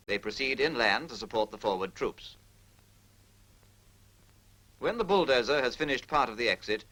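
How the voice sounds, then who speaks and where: On poor audio, a British man with a medium-pitched, sharp voice gives scripted narration in the style of a 1940s military training film. The reading is formal, precise, instructional, and impersonal.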